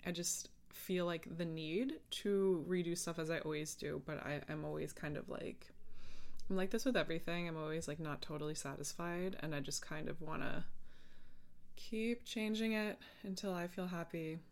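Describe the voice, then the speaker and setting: Speaking at a moderate pace in a low-pitched voice, a woman hosts a casual podcast by herself. Her talk meanders, stops and restarts as she interrupts herself, and leans on fillers.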